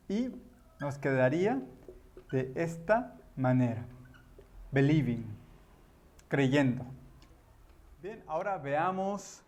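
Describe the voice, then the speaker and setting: A man's voice: fairly high pitch, darkish tone. A man teaching a grammar lesson at a board, patient and repetitive, with frequent affirming fillers. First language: Spanish. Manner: patient, repeats key words, many "ujú" and "ajá" fillers. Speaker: English teacher.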